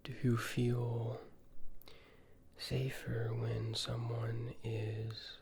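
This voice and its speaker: An ASMR host speaking in a soft, breathy, soothing whisper, gently asking the listener questions with long pauses, close to the microphone. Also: medium pitch, monotone. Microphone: close ear-to-ear microphone.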